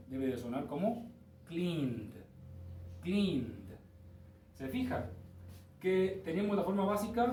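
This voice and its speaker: Lively Mexican man teaching English grammar. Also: fairly high pitch, far from the mic, slight background noise. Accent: Mexican Spanish. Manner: patient, explains step by step, checks in with students. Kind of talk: recorded class lesson. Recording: roomy, from off-mic with faint ambience.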